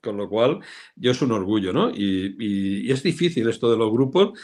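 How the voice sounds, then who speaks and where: Older man, low-voiced, animated anecdote teller in a live interview. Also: normal speed. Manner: animated storyteller, acts out quoted voices. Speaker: real estate professional, guest. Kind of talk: casual live interview chat.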